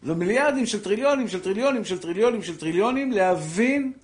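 Animated rabbi with a fairly high voice. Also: male voice. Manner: emotional, animated storyteller who questions the audience. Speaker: rabbi giving a Torah class. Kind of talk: lively religious lesson to a live audience.

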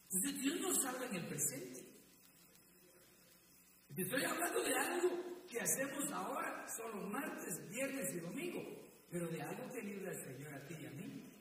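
A man's voice: high-pitched, sing-song, moderate pace, a bit bright, a little hiss or hum. A middle-aged man preaching a sermon in a church hall, often calling the listeners brother and repeating his words. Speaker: pastor. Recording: echoey hall, mic at a distance.

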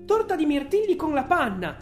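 A spoiled young girl chatters while chewing gum, in a high, bouncing voice, as a woman reader plays her. She sounds dismissive and bratty in a storybook reading. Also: wildly swooping pitch, moderate pace, darkish tone, soft background music.

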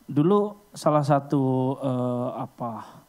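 Animated man preaching in slang. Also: slow. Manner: animated, acts out little scenes with sudden high jumps in pitch. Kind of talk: casual storytelling sermon.

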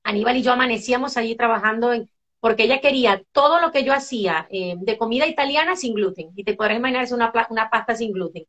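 A middle-aged woman from Venezuela with a Venezuelan accent, telling family stories as a guest in a casual interview, lively and full of fillers and restarts. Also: a little high, fast talker. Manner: animated storyteller, many fillers and restarts.

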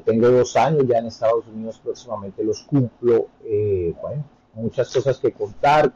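A Colombian man in his thirties speaks with a low, husky, mellow voice. He tells his story at an easy pace, filling pauses with hesitant sounds. The audio is dull and lo-fi. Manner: relaxed, hesitant with frequent fillers. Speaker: podcast guest. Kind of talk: conversational interview storytelling.

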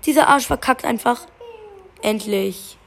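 A young woman chatting casually while playing a game, excitable and slangy, cursing when things go wrong. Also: a little high, unhurried, gravelly. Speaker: gamer. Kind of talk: casual gaming chat. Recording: faint background noise.

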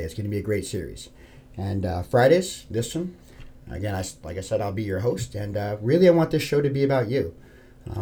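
A man's voice: mid-range voice, dark tone. American man hosting an earnest, informal podcast. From New York, United States. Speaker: podcast host. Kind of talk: informal talk to listeners.

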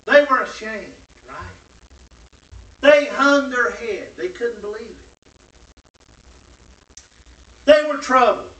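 Male Bible teacher with a very high, slow, deliberate read and pointed questions, recorded from afar in an echoey room. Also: animated, pushed and bright. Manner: slow emphatic delivery with rhetorical questions. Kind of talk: Bible lesson reading scripture with commentary. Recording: roomy echo from a distant mic.

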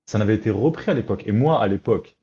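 A man with a low, mellow voice talks through his thoughts in a casual discussion. He hesitates, starts over and searches for words. The recording sounds dull and lo-fi. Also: animated, racing. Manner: hesitant, restarts often, thinks aloud.

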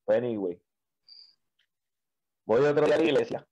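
A man telling his faith testimony in an interview, acting out the dialogue with pauses and repeated words. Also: mid-range voice, mellow, poor audio.

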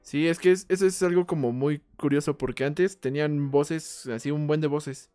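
Chatty, higher-voiced Mexican man. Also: moderate pace, clean tone, no echo, soft background music. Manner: animated, chimes in often. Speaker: podcast co-host. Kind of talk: casual chat.

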